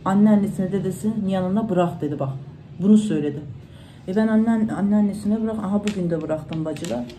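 A woman's voice: medium pitch, fairly quick, mellow, a little hiss or hum, low-quality recording. A woman vlogger, chatting casually to her followers at home and retelling conversations in reported speech. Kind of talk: casual vlog talk to followers.

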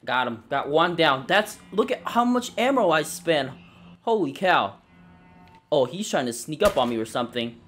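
A man giving casual let's play commentary on a game, excitable and cursing, with sudden shouts. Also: fairly high pitch, normal speed, faint music behind. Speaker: gamer.

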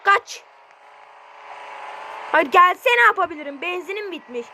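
A man giving casual, excitable gameplay commentary in slangy speech, yelping at sudden moments. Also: extremely high pitch, a little slow, a little hiss or hum. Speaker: gameplay streamer.

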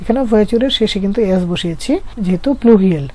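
Female teacher from Bangladesh, mellow tone, patient step-by-step grammar lesson. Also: mid-range voice, rapid-fire. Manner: patient, explaining step by step with rhetorical questions. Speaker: French teacher.

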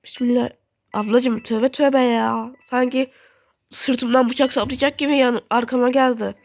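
High-pitched young woman narrating gameplay. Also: a little slow. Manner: chatty, excitable, talks to viewers. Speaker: gaming video host. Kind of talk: casual gameplay commentary.

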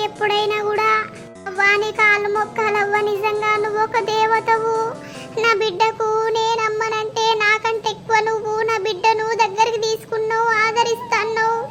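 A woman voicing a grateful old village mother with a Telangana Telugu accent, speaking earnestly. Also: very high voice. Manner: earnest, thankful. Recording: music playing underneath.

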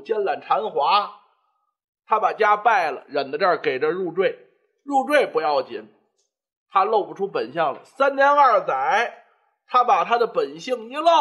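A male storyteller voicing a stubborn, cautious old father who grumbles in a low voice. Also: a bit bright.

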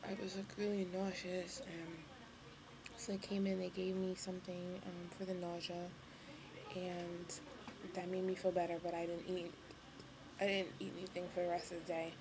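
A young woman speaking casually to camera, tired and weak after surgery, low on energy and hesitant. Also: level tone, moderate pace, crowd noise. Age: young adult. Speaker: vlogger. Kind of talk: casual video diary. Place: hospital room. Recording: clearly noisy webcam recording, room ambience.

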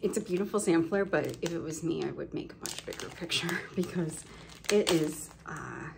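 A woman's voice: sits low, normal speed, vocal fry, noisy background. A woman vlogging about her cross-stitch projects in a casual, rambling show-and-tell way, with lots of ums and self-corrections, a bit congested. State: slightly congested, coughing now and then.

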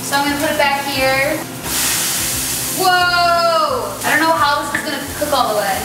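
A woman's voice: high voice, moderate pace. Chatty young woman in an echoey kitchen. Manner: chatty, exclaiming, self-mocking. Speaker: vlogger cooking in her kitchen. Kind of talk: casual cooking vlog. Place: home kitchen, indoors. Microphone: camera mic, medium distance. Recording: echoey kitchen with background music.

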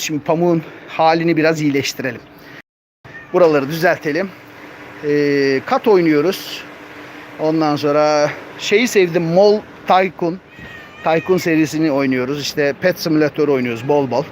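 A man's voice: on the high side, moderate pace, a little hiss or hum. A young man chatting casually on a live stream, reading viewer comments aloud and cooing at his cats at home.

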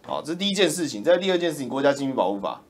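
Man, political livestream commentator; loud, roaring, sneering, pitch leaping all over. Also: big pitch swings, rapid-fire. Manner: loud, roaring, mocking, insulting.

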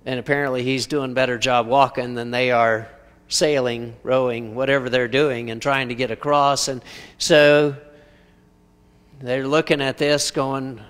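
A preacher giving a conversational sermon, asking rhetorical questions with dry humor. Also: male voice, medium pitch, little pitch movement, a little slow, fairly bright tone, smooth, long reverb tail. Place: church sanctuary.

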